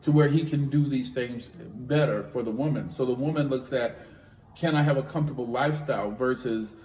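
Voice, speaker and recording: A man's voice: medium pitch, brisk, muffled recording, slight background noise. Man, late fifties, from the US, casual blunt chat, rambling, roomy echo. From United States. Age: 50s. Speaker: vlog co-host.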